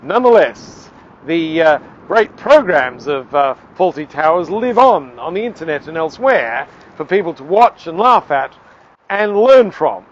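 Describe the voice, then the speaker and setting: A man giving a playful, lively piece to camera outdoors by the seaside as a communications trainer, with a few hesitant fillers. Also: on the high side, a little slow, muffled recording, slight background noise.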